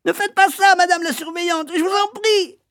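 A whimpering young schoolboy. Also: male voice, very high voice, fairly even intonation, moderate pace, sharp tone, no echo, clean studio sound, pitched above the performer's own voice, heavily acted. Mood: wailing. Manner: whimpering, wailing. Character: young schoolboy, whiny and pleading.

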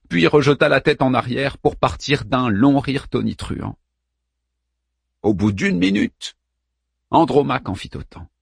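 Man, audiobook narration, gravelly and husky, lively pitch. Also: no echo, clean studio sound. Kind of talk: scripted first-person narration.

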